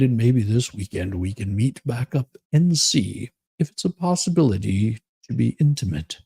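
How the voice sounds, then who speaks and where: A man performs a full character voice in a dramatic reading, playing someone stiff, earnest and non-committal. The tone is dark, husky and low, the delivery measured and solemn, with no echo.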